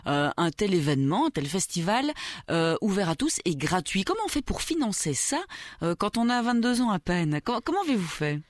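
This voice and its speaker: A woman's voice: lowish voice, sing-song, brisk, dry recording. A woman hosting a radio interview, with stammering restarts and an encouraging tone. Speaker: radio host.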